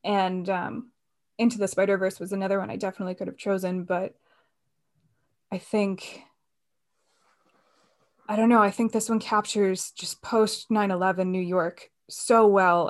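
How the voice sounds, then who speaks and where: A woman in casual conversation about a film, chatty and loose, with many fillers and restarts. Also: medium pitch.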